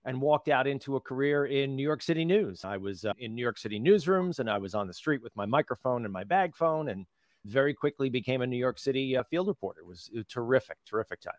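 A man's voice: mid-range voice, animated, fast, no room sound. Chatty man telling stories, dry sound. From United States. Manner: chatty storyteller, laughs often. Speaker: guest, public relations professional. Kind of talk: conversational interview.

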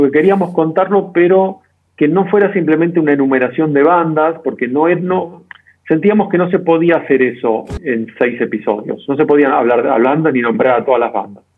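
Heard over thin, phone-like call audio, an Argentine-accented man takes interview questions as a guest, chatting casually about his work as a documentary director. His voice is fairly high in pitch and slightly rough.

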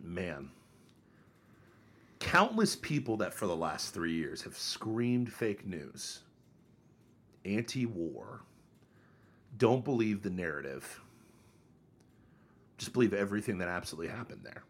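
A man in his thirties co-hosting a podcast, talking in a casual, mocking, animated way. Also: a little slow, long pauses, slightly rough. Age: 30s. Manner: animated, mocking, mimics others in high voices. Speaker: podcast co-host. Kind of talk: casual opinion chat.

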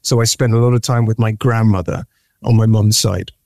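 A middle-aged man, Nigerian-born and raised in the UK since he was eight, speaks as a guest in a relaxed interview. His voice is lowish and fairly quick, recorded cleanly in a studio with no room sound. He tells stories with animation, often repeating words and restarting sentences.

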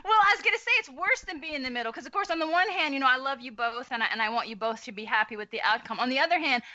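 A woman's voice: sits high, racing, pushed and bright, dull audio. A woman co-hosting a podcast in casual, bantering conversation. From southern United States, New Orleans area. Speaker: podcast co-host.

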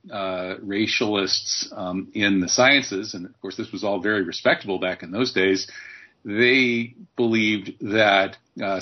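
A male host with a low, husky voice talks in a measured, explanatory way during an interview. He lays his points out like a lecture. The audio is dull and lo-fi, like a call recording. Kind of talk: interview conversation.

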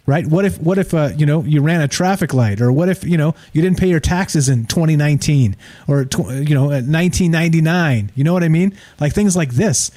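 A man's voice: fairly high pitch, dark tone. A man hosting a talk show, giving his opinions in a casual, emphatic way, repeating himself and checking in with rhetorical questions. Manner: informal, emphatic, repetitive phrasing with rhetorical questions. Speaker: talk show host taking calls and chat.

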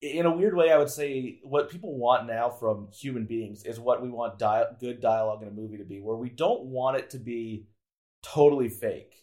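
A man in relaxed podcast conversation, rambling and self-interrupting with lots of filler words, candid and sometimes swearing. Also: mid-range voice, moderate pace. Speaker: podcast guest. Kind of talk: casual conversation.

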